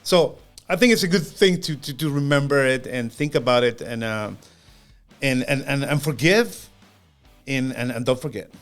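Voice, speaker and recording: A man in his fifties from Chile, with a Chilean Spanish accent, co-hosting a podcast in an earnest, halting way, often repeating words. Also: mid-range voice, fairly bright tone, soft background music. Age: 50s. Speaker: podcast co-host. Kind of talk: casual podcast chat.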